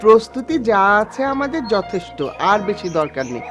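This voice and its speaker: An actress playing a gentle, persuasive middle-aged mother in a TV serial. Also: mid-range voice, big pitch swings, moderate pace, faint music behind, close to an everyday voice. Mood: coaxing. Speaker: mother of the bride, wife. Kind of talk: TV serial acting.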